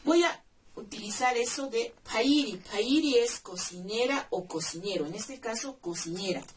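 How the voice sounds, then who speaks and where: This woman teaches language in a slow, deliberate classroom style, explaining grammar stepwise, spelling out suffixes patiently and checking that the listener follows. Her fairly high voice moves at normal speed; crowd noise is present, and a distant mic catches faint background noise.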